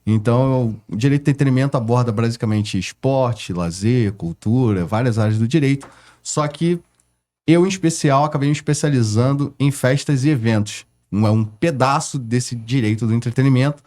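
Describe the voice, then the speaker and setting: A man's voice: mid-range voice, moderate pace, darkish tone. A middle-aged man from Rio de Janeiro with a Carioca accent, a guest lawyer chatting casually on a podcast, telling stories with slang and frequent laughs. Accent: Carioca Brazilian Portuguese. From Rio de Janeiro, Brazil. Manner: chatty storyteller, laughs often, colloquial slang.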